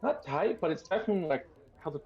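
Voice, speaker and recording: A man narrating a tabletop game as game master, unhurried and hesitant, with many fillers. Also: fairly high pitch, expressive, creaky, darkish tone, husky, lo-fi sound.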